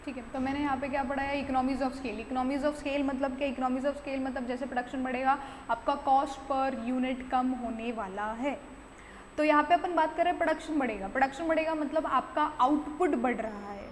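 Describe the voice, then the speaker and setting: A woman with an Indian accent teaches an exam-prep class in a high, light voice. She dictates notes word by word, repeats each point and asks herself questions before answering. The recording has a long hall reverb over a faint hiss. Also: moderate pace. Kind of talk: online lecture mixing Hindi and English.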